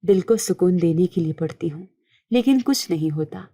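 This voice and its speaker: A woman voicing a grieving young mother in a spoken storybook, speaking with soft, earnest pleading. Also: lowish voice, lively intonation, no room sound, clean studio sound. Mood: sorrowful.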